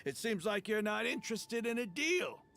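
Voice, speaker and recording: An actor playing a defiant, sneering mercenary leader in a video game, with theatrical, overacted delivery and a gravelly voice. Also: male voice, sits high, expressive, moderate pace, a bit bright, faint music behind, full character voice.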